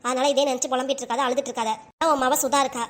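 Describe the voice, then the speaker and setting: A woman's voice: high voice, fairly even intonation, rapid-fire, natural voice. A woman voicing a caring, protective younger friend who consoles and scolds in a cartoon. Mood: consoling. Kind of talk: cartoon voice acting.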